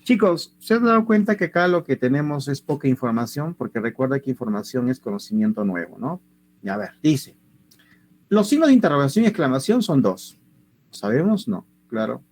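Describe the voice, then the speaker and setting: A man's voice: mid-range voice, big pitch swings, a little fast. A man teaching an online class. He asks his students lots of rhetorical questions.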